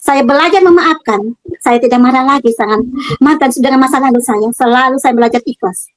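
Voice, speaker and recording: Middle-aged woman sharing her faith testimony, high voice, halting and earnest, dry close sound. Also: no echo, poor audio. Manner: earnest, halting with repeated words and fillers. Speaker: convert giving a testimony. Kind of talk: personal religious testimony. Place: her own room.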